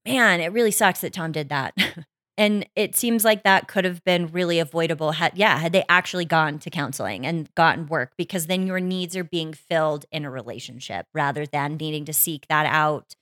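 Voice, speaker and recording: A woman's voice: low-pitched, normal speed, a bit bright. A woman co-hosting a podcast in casual chat, emphatic and opinionated, swearing freely. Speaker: podcast co-host.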